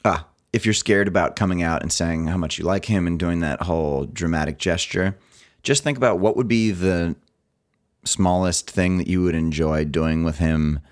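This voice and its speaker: A man with an extremely deep, low voice co-hosts a casual podcast chat. He gives earnest advice and drifts into goofy, playful riffs. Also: moderate pace. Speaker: podcast co-host.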